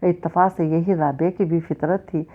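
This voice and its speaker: A woman with a low-ish, steady voice reads an episode of a novel aloud, narrating and voicing every character's lines in a mostly plain way with small restarts. The recording is dull and lo-fi.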